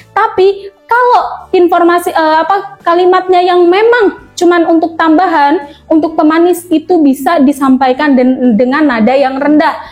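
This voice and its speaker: A woman's voice: extremely high pitch, darkish tone, muffled recording. A young woman presenting a tutorial on speech delivery, chatty and friendly, with frequent fillers as she explains.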